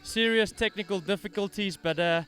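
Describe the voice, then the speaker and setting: Male presenter, breathless, high tenor voice, faint music under him. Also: moderate pace, fairly bright tone. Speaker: host of a live tournament broadcast. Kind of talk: live interview.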